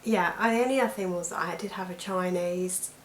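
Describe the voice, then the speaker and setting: A British woman with a croaky, allergy-affected voice, chatting casually to camera as a weight loss vlogger. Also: fairly low pitch, fairly quick. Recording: echoey room with background noise.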